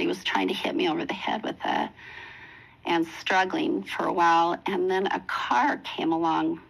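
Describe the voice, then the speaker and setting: A woman in her sixties telling her own story in a documentary interview, earnest and reflective, with pauses and restarts. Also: mid-range voice, vocal fry, fairly bright tone, rough recording. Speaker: interviewee recounting her past.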